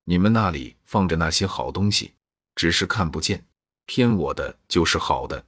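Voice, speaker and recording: A man voicing a sharp, commanding young noblewoman who talks in a brisk, teasing, authoritative way in a storybook reading. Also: deep voice, expressive, breathy edge, dry recording, studio quality, full character voice.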